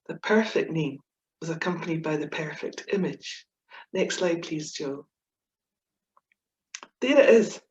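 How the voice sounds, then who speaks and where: A woman's voice: fairly low pitch, darkish tone. A woman writer from Scotland with a broad Scottish accent, giving a humorous talk with playful, self-mocking, theatrical delivery. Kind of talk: humorous presentation with read-out verse. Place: indoor room, talk with slides. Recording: echoey room, dull muffled sound.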